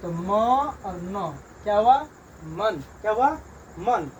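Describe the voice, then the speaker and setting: A man, a teacher slowly drilling beginners through letters and sounds in a reading lesson, repeating each one. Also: high voice, animated. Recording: distant mic, loud crickets and traffic.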